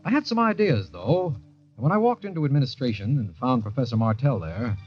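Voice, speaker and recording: An actor playing an earnest, haunted young army lieutenant, speaking with confiding intensity in a 1940s radio drama style. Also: male voice, mid-range voice, big pitch swings, a little fast, natural voice. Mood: uneasy, reflective. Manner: intense, confiding first-person narration. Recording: dull vintage radio recording with music.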